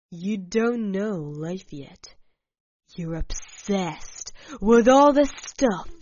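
Woman voicing a loud, scornful cynical man. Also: mid-range voice, no room sound, lo-fi sound. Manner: loud and mocking.

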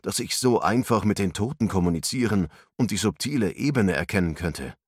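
A man's voice: fairly low pitch, lively intonation, a little fast, slightly rough, dry recording, studio quality. A man voicing an earnest young man who speaks persuasively. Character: young man, determined treasure seeker.

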